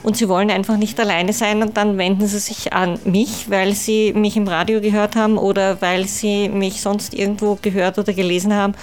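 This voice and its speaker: A woman's voice: medium pitch, little pitch movement, a little fast, few pauses. Woman talking over a landline phone. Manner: explains at length, frequent hesitations. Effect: heard over a landline phone. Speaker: matchmaker guest on a call-in radio show. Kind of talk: casual radio chat. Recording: phone line, distant.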